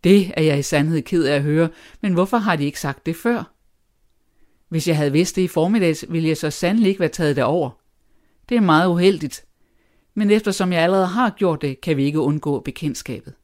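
A reader plays a dry, sarcastic gentleman father who teases his family in an even, level tone. Calm and measured, never raising his voice. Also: mid-range voice, lightly acted. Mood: wry. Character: dry sarcastic middle-aged father and husband. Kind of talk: audiobook character voice.

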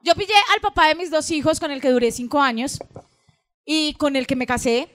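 A woman with a Colombian accent telling a story on a live comedy podcast, animated and full of swearing, acting out the quotes. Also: sits high, a little fast, no echo, studio quality. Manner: animated, profane, acts out quotes. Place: live show venue, Bogotá.

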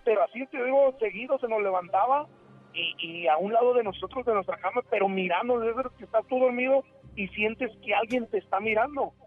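A man's voice: high-pitched, no room sound. Man rambling over a tinny phone. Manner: rambling, halting storyteller with many restarts. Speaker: radio caller. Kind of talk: telling a ghost story on a call-in show. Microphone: telephone. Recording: tinny phone line with faint music.

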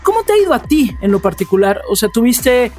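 Female interviewer, relaxed and conversational, soft music bed. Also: on the high side, a little fast, breathy edge. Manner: friendly and conversational.

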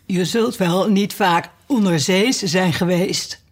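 A woman voicing a sad, sobbing male mock turtle, speaking slowly and sorrowfully in a storybook reading. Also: fairly low pitch. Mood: mournful. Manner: slow, sorrowful and drawn-out.

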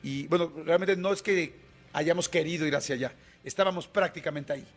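A man with a Mexican Spanish accent tells a story as a radio guest, animated and colloquial, full of fillers. His voice sits a bit high for a man, with soft music faintly behind him. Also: fairly quick.

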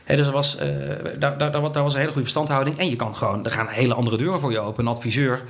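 A man talks fast as an interviewed entrepreneur. His sentences stop and restart, packed with fillers. His pitch sits in the middle range. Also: little pitch movement. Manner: fast, halting speech with many fillers and restarts. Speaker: entrepreneur guest. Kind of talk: conversational interview.

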